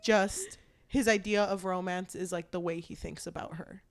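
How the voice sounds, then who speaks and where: A woman with a fairly low voice speaks at a moderate pace while co-hosting a book podcast. The talk is a casual book discussion, and she's irreverent and jokey, swearing freely.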